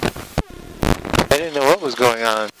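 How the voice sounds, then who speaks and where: A man's voice: mid-range voice, animated, slow. A man, a flight instructor, chatting casually and explaining flying inside a small airplane. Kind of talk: casual chat in the cockpit. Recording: noisy small-plane cockpit.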